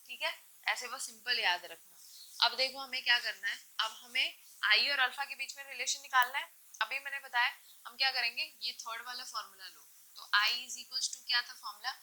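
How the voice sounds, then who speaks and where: A woman's voice: a little high, pushed and bright, poor audio. A woman teaching a chemistry lesson, explaining step by step and often asking questions, then answering them herself. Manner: checks in often with short confirmations. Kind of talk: classroom lecture mixing Hindi and English.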